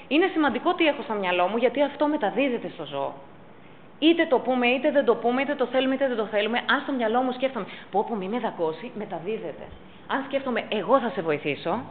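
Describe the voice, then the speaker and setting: Female instructor, emphatic, fairly high lively delivery, phone-thin recording. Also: narrow, tinny audio, a little hiss or hum. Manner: emphatic, repeats key points. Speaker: first aid instructor. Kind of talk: public talk on pet first aid. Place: council chamber.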